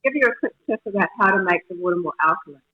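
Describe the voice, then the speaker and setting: A woman's voice: mid-range voice, animated, racing. A woman from New Zealand, a guest on a radio show who speaks over a video call. Her voice is chopped up by the call's noise reduction and sounds muffled, as if underwater. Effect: video-call noise reduction cutting out her voice, muffled as if underwater. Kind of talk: casual radio chat. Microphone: laptop on a video call. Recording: dull lo-fi call audio.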